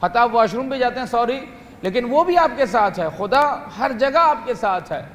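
Animated preacher, echoey hall. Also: male voice, very high-pitched. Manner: animated, rising to loud calls then dropping to soft; plays out little scenes and asks the audience questions. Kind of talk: religious talk to young people at a retreat. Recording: echoey hall with faint room noise.

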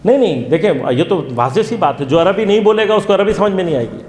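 A man with a high voice gives a religious lesson to a class, posing questions and then answering them himself. He is heard in a roomy hall with a long reverb trailing after each phrase. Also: lively intonation, a little mellow. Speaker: religious teacher. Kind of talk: interactive lecture.

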